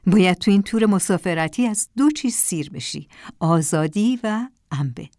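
A woman's voice: medium pitch, expressive, mellow, no room sound, clean studio sound, natural voice. A woman reading a charming, curious divorced man. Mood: teasing.

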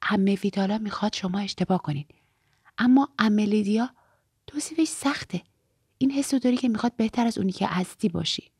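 A woman's voice: mid-range voice, mellow, husky, dry recording, clean studio sound. Woman voicing an earnest teenage girl. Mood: whispering. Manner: eager, confiding, drops to a whisper when fearful.

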